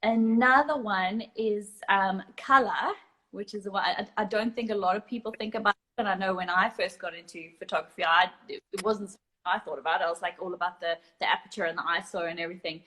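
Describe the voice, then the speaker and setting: Her voice sits at medium pitch, a bit bright and fairly quick, carrying a South African accent. As a guest photographer in a relaxed live video chat, she walks through her tips, frequently pausing on "um" and beginning again.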